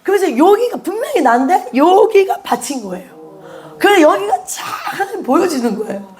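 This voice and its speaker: A woman's voice: extremely high pitch, normal speed, reverberant, a little hiss or hum. A woman teaching a church class on prayer, telling her own story with lots of laughter and acted-out prayers. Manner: animated storytelling, laughs often, acts out prayers. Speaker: prophecy school teacher. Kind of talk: sermon-style teaching with personal testimony.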